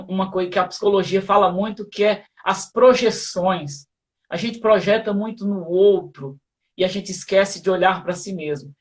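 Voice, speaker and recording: A man telling a personal story in a live interview, in a reflective way, with many fillers and repeated words. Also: sits high. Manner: reflective, with frequent fillers and repetitions. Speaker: guest speaker.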